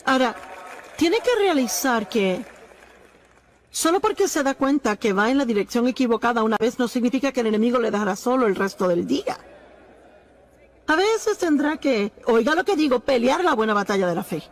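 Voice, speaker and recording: Woman, high voice, Spanish voice-over for a preacher's sermon, earnest and emphatic. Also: lively intonation, moderate pace. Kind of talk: dubbed sermon.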